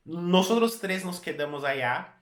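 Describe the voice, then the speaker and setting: With a high-sitting voice and a measured pace, a travel vlogger tells a laid-back story straight to camera, the audio reverberant. He's a Brazilian in his thirties, natively Portuguese-speaking with a Brazilian accent, and he frequently stops to repeat or correct a word mid-sentence.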